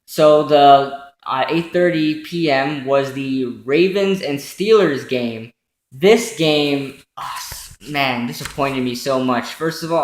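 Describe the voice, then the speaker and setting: Young male home vlogger, halting and filler-heavy, mid-pitched, echoey room sound. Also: a bit bright. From New York, raised in Pennsylvania. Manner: halting, many ums and self-corrections. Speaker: football vlogger recapping playoffs. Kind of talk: casual solo commentary from notes.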